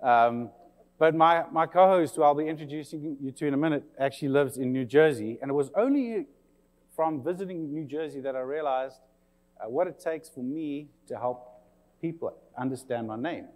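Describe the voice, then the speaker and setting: A man in his forties with a South African accent, lightly tinged with English, gives a friendly, chatty talk in a conference session room, using many fillers. His fairly high, darkish voice moves at a moderate pace and trails a long reverb.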